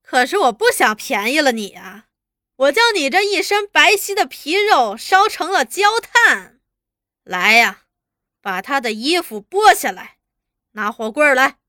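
A woman's voice: on the high side, big pitch swings, moderate pace, hardly any pauses, dry recording, clean studio sound. A woman voicing a cruel barking male interrogator. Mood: menacing. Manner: mocking, threatening, loud barked orders.

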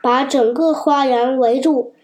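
Selfish storybook giant read by a woman with a cold, gruff and bossy, slow, high delivery. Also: steady tone. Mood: grumpy. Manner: gruff, shouting orders. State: has a cold. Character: grumpy selfish male giant.

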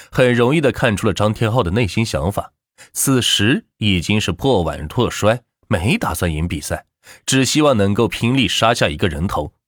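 A man reading a web novel aloud in animated audiobook narration, close to the mic. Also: on the low side, no echo. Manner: animated storytelling with expressive rises and falls.

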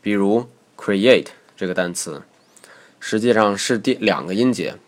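A man with a deep, low voice gives a scripted lesson as an English teacher. He explains step by step in a calm, steady way and reads out example words. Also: normal speed.

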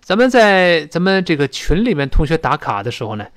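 A man teaching a spoken English lesson who explains pronunciation and slowly models English phrases with a Mandarin Chinese accent. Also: fairly high pitch, sing-song, a bit bright, dry recording, studio quality.

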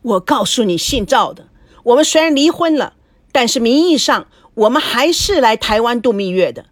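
A woman's voice: a little high, animated, normal speed, dry recording, clean studio sound, pitched above the performer's own voice. A woman voicing a hot-tempered young news anchor who scolds indignantly in a storybook reading. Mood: angry. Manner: indignant, shouting.

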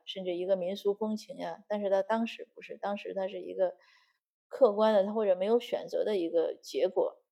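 Woman, middle-aged, from China, mellow dark tone, husky, argumentative commentary, rhetorical questions. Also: mid-range voice. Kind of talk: spoken commentary monologue.

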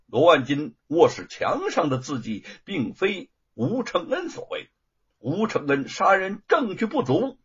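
A storyteller playing a cold, authoritative imperial envoy who scolds an official in measured tones. the voice is husky and high for a man, and the recording sounds dull. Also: very animated, a bit bright, exaggerated voice. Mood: stern. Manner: stern, measured, commanding.

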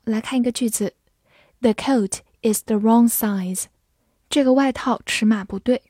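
A woman gives a scripted vocabulary lesson at a slow, deliberate pace. Her voice is somewhat high but dark and mellow in tone, and the recording is dry and close. She spells each word out letter by letter and reads example sentences slowly, as if for students to repeat. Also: no echo. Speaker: English vocabulary teacher.

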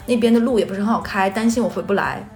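A woman co-hosting a podcast, telling stories in fast, animated casual chat. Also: medium pitch, soft background music. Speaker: podcast co-host.

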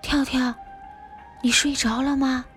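A woman's voice: sits high, expressive, moderate pace, soft background music. A woman voicing a cross, sleepy boy rabbit in a children's storybook reading, huffing and scolding. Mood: gentle. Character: boy rabbit with long ears, grumpy sleepy friend.

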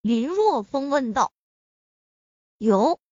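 A woman narrating a web novel audiobook in a steady storytelling manner. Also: sits high, a little slow, no echo. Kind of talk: scripted narration. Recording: dull lo-fi recording.

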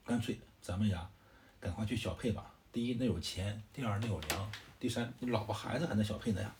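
An earnest male strategist pleading with his general, as a storyteller voices him. His tone is persuasive and urgent. The voice is fairly low. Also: a little fast, background noise, close to an everyday voice. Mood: urging.

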